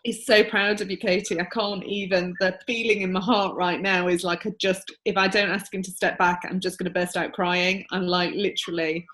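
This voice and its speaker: A woman's voice: fairly low pitch, flat delivery, normal speed, hardly any pauses, a bit bright, low-quality recording. A woman working as a psychic medium, relaying messages in a reading. She talks in an earnest, emotional, chatty way with many restarts.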